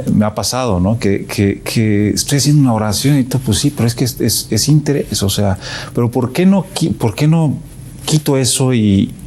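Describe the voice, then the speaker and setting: A man's voice: lowish voice, a little mellow, a little hiss or hum. A man, a guest in a casual faith chat, who speaks in a thoughtful, hesitant way with frequent fillers.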